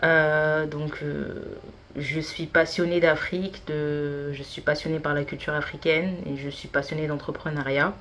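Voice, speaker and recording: A woman in her thirties, a consultant appearing as a podcast guest, talks in a casual interview with many hesitations and fillers. Her low, fairly bright voice moves little in pitch and is unhurried, with a little hiss or hum in the recording.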